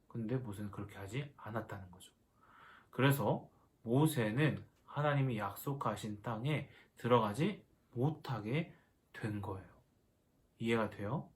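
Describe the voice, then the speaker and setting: Animated man teaching children. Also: medium pitch. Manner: animated, asks the children questions. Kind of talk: children's sermon.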